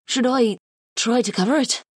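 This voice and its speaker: A man's voice: extremely high pitch, moderate pace, husky, dry recording, studio quality, voice pushed up. A man voicing a confident, quippy young female water mage in an audiobook. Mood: breezy. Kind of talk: audiobook character voice.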